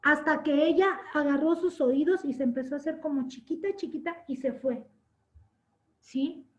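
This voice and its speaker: A woman teaching a church Bible class. She keeps checking in with her listeners and tells stories with lively acted-out quotes. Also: sits high, moderate pace. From Latin America. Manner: asks "¿sí?" to check understanding. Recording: dull lo-fi sound.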